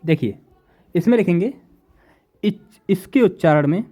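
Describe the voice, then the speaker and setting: High-voiced man teaching a class. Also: animated, mellow. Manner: repeats definitions slowly, asks students questions. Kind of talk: classroom lecture.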